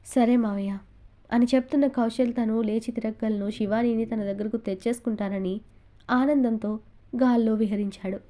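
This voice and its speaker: A woman narrating a novel as an audiobook in a steady storytelling manner. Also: on the high side.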